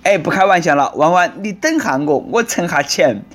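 A man's voice: on the high side, animated, fairly quick, fairly bright tone. A man with a Nanchong Sichuanese accent, delivering comic news commentary in a sarcastic, bantering way.

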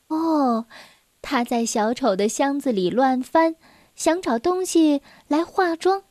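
Reading to children, a woman with a high voice narrates gently and expressively, dropping in little comments for her young audience. It's studio quality, without echo.

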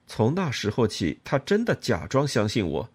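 A male reader voices a self-pitying lover who explains and pleads in earnest. The voice is husky and close to the reader's own, with lively rises and falls in pitch. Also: moderate pace. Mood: pleading.

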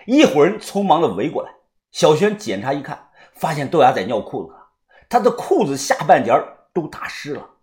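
Male storyteller, lively and animated, dramatic pacing. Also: a little high, normal speed. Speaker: audiobook narrator. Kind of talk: serialized storytelling.

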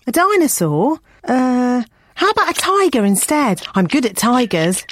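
A brisk, chirpy cartoon rabbit lady who is always busy. Her voice is fairly high and bounces lively up and down. She talks quickly and cheerfully. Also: slight background noise.

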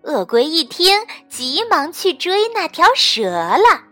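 A woman storyteller gently and expressively reading a bedtime story to children. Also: very high voice, sing-song, slow, soft background music.

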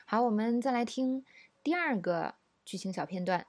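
A woman's voice: a little high, animated, moderate pace, no echo. Woman teaching English pronunciation, dry sound. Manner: patient explaining, models English words aloud. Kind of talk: recorded language lesson.

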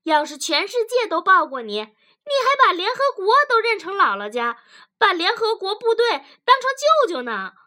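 A woman doing a fierce sharp-tongued wife. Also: high voice, very animated, pitched above the performer's own voice, full character voice. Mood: indignant. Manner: fierce, cutting, fast retorts. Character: sharp-tongued angry young wife, relentless.

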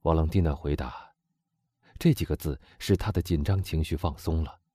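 A man narrating a novel as an audiobook, with expressive storytelling. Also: extremely low pitch, moderate pace, slightly rough, no echo, studio quality.

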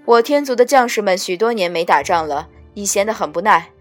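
A woman voicing a calm, cold male crown prince who speaks in measured threats. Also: mid-range voice, faint music behind, lightly acted.

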